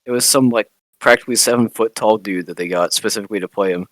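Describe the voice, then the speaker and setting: A man co-hosting a podcast, explaining film details in a relaxed, casual way with the odd swear. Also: lowish voice, quick pace, no room sound, low-quality recording. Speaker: podcast co-host.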